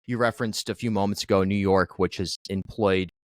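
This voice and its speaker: A man hosting an interview, asking measured, probing questions. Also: low voice, fairly even intonation. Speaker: radio show host. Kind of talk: interview conversation.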